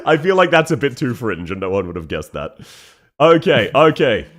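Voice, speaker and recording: Guy running a casual quiz game, super lively up n down voice, teasing and playful. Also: on the low side, fast.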